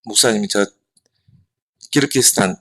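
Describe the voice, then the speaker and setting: A middle-aged man preaching a children's sermon, animated, asking the children questions and answering them himself. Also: on the low side, moderate pace, low-quality recording. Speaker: pastor.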